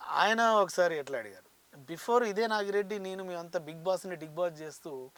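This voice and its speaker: A man's voice: sits high, fairly bright tone, no echo. A man who works as a mimicry artist, telling the story of his career in a casual studio interview. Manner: rapid, chatty storyteller.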